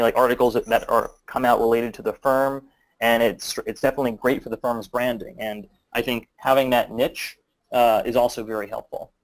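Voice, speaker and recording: A man fields questions on a webinar in a loose, unscripted way. He stops and restarts often and fills gaps with "uh" and "um", at a middling pitch. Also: rough recording. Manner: hesitant, many fillers and restarts. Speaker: guest marketing expert. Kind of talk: webinar Q&A answers.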